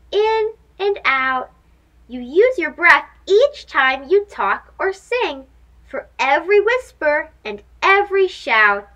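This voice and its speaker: Hosting a children's read-aloud show, a young woman reads a picture book to little kids in a strikingly high voice that swings widely in pitch. Her delivery is unhurried and sing-song, with a clear, bright edge, though the audio sounds dull.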